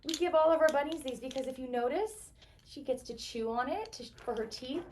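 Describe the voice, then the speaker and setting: A woman leads children on an educational tour through indoor animal shelter rooms, explaining things simply and enthusiastically. Her voice is high-pitched, expressive, fairly quick, and darkish in tone. The mic is distant, with faint background noise.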